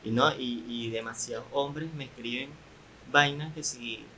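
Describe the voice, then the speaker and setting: A young man with a Venezuelan accent, a content creator guest, talking candidly in a relaxed, soft-spoken way. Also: medium pitch, a little slow, a little hiss or hum, rough recording. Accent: Venezuelan Spanish. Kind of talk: casual podcast interview.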